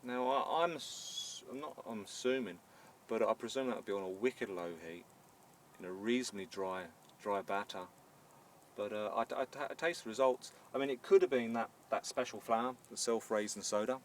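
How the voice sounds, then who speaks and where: A man's voice: fairly low pitch, normal speed. A man with a Northern Irish accent chatting casually and unscripted as he cooks, hesitating and repeating words as he starts phrases. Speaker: home baker demonstrating a recipe. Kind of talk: casual unscripted chat while cooking. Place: inside a camper van. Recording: distant mic with faint background noise.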